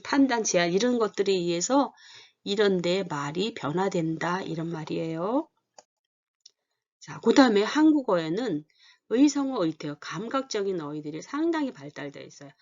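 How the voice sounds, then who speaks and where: Lower-voiced woman teaching a lesson. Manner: asks the class questions and answers them herself. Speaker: Korean language teacher. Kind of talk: explanatory lecture. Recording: dull lo-fi recording.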